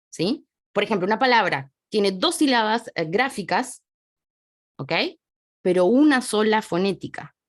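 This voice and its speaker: An Argentine woman teaches a casual online lesson, her fairly high voice swinging up and down as she explains. She talks from a small home desk and sometimes drifts off-mic while writing. The sound is dry, with no room echo. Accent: Argentine Spanish. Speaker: French teacher.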